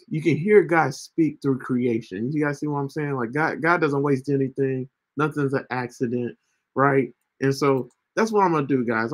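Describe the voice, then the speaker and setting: Chatty thirty-year-old man streaming live. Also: mid-range voice. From United States. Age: 30s. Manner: chatty, repeats himself, keeps asking "right?". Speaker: ministry livestream host. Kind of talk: casual livestream talk.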